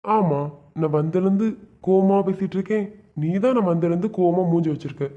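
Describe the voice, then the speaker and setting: A man's voice: high voice, a little fast, warm tone, close to an everyday voice. A man voicing a stern but loving young husband in a cartoon, firm and lecturing. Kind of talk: cartoon web series voice acting. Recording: dull lo-fi sound.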